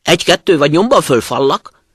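A narrator voicing a wicked, hungry male wolf in a storybook, sweet and high when luring, loud and growling when threatening. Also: sing-song, no room sound, clean studio sound. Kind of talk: storybook reading.

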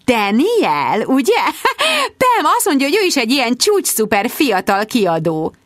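A woman reading voices a pushy, nosy middle-aged family friend who talks loudly and aggressively. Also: a little high, wildly swooping pitch, dry recording, clean studio sound, voice pushed up. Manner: loud, aggressive, cooing.

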